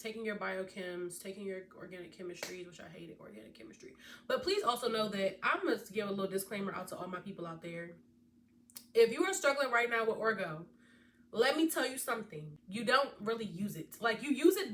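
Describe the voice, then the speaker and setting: A woman's voice: medium pitch, recorded from a distance. A young woman in her twenties talks casually and animatedly, giving viewers advice as a vet student. She sits a little away from the microphone, and faint background noise hums underneath. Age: 20s. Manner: chatty, animated, speaks directly to viewers. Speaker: veterinary student vlogger.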